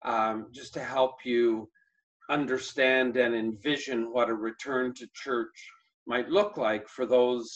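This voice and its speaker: Slow, chatty pastor man. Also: medium pitch, fairly even intonation, lo-fi sound. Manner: gentle, chatty, with many fillers and pauses. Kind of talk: casual online church message.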